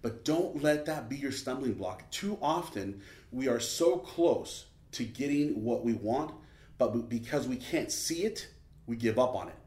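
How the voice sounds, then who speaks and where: A man's voice: mid-range voice, lively intonation, unhurried, a little mellow. A man giving a motivational speech built on a personal story, emphatic, and often tossing in "man". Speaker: motivational speaker. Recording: roomy echo.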